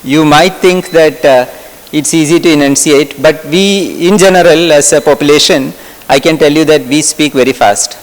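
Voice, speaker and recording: This middle-aged man from Kerala, India, a medical lecturer, talks at a normal speed in a voice on the high side, with a Malayali English accent. His workshop lecture is conversational, and he puts questions to the audience, with lecture hall reverb audible around him.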